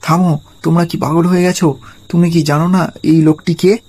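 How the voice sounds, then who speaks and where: A bossy middle-aged official, read by a male narrator. He speaks in an even, mellow tone without much swing. It is a plain recap reading, not a full performance. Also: on the high side, a little fast, natural voice. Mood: scolding. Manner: flat, read-aloud delivery.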